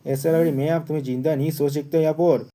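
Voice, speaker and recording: A man's voice: fairly high pitch, fairly even intonation, fast talker, mellow, lightly acted. A man voicing an arrogant, evil male god emperor in a manga recap, boastful and threatening. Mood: rattled.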